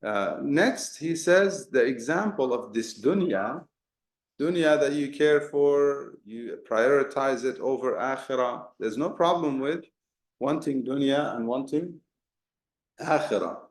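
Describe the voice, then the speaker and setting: This Quran commentary teacher has a medium-pitched voice with lively intonation and a measured pace. He explains the religious material step by step, slipping in Arabic terms and rhetorical questions, and the room sounds echoey.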